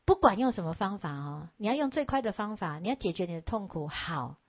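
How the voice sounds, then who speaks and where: A stern old monk speaking in a quiet, measured way, as a woman puts him on. The delivery is lively and rises and falls. It comes over a tinny, phone-like line. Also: mid-range voice, voice pushed down. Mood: firm. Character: calm old male monk, stern teacher.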